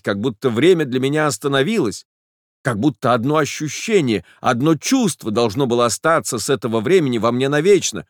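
A man's voice: medium pitch, dry recording, clean studio sound. A man narrating a literary audiobook in the first person, in a reflective, emotional way.

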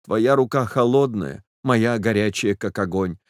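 A man's voice: lowish voice, unhurried, no room sound, clean studio sound. Man reading literary fiction. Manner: emotional, reflective first-person storytelling. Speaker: narrator. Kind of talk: literary audiobook narration.

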